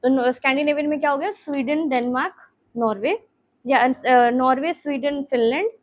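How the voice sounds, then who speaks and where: A woman's voice: high-pitched, normal speed, lo-fi sound. A woman teacher explaining a map lesson, repeating names and checking in with her students.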